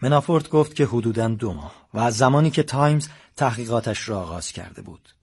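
A man narrating an audiobook in an even, measured reading. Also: mid-range voice, slightly rough. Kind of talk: scripted narration.

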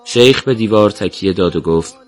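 A man giving scripted narration of a story in a plain, steady way. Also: fairly low pitch.

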